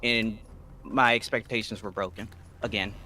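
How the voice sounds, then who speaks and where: A man's voice: lowish voice, steady tone, normal speed, sharp tone, slight background noise. A man chatting casually with a friend on a gaming stream, airing grievances in an aggrieved, complaining way. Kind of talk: casual chat.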